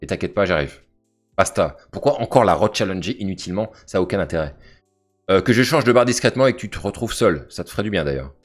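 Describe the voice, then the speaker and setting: A low-voiced man gives dating advice as he comments on a follower's messages. He is blunt and full of slang, and he talks straight to the person he is correcting. His voice jumps upward whenever he drives a point home, over faint music in the background. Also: quick pace. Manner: blunt, slangy, scolding the viewer directly; animated, pitch jumps when making a point. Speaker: dating coach. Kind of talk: commentary reading out a subscriber's messages.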